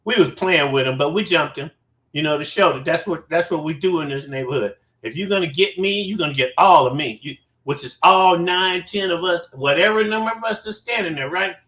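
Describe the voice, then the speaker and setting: A man's voice: on the high side, a little fast, a bit bright. A man telling a story about his childhood in a casual way. He talks bluntly, swears a lot and rambles. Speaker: show host. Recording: roomy echo.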